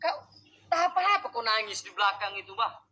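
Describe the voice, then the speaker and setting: A man's voice: high-pitched, sing-song, fairly quick, pushed and bright. A man live-streaming a spirit summoning, scolding and coaxing unseen spirits in short, clipped outbursts.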